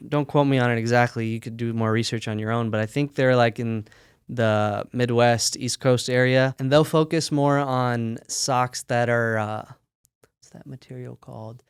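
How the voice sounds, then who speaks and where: An American man, founder of a sock company, tells his story in a relaxed podcast interview, full of fillers and quick laughs. His mid-range voice has a clean tone, and the studio recording is clean with no echo.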